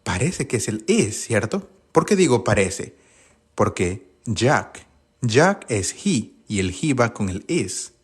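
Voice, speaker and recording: A man teaching an online grammar lesson, asking questions and answering them himself and sounding out English words slowly. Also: fairly low pitch, sing-song, husky.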